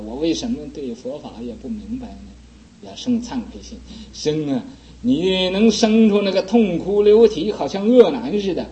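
A man delivers a Buddhist sutra lecture at a slow, deliberate pace. His voice sits somewhat high for a man. He is earnest, and he scolds and teases his listeners. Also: warm tone, muffled recording. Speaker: Buddhist teacher.

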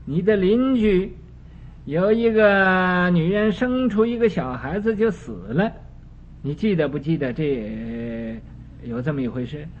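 A man voicing a stern old male king of the underworld, who talks in a calm, measured, lecturing way. The recording is dull and lo-fi with a faint hiss. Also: high voice.

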